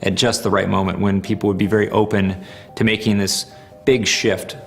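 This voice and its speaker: A man giving measured, analytical commentary in an interview. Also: fairly low pitch, level tone, gravelly, faint music behind.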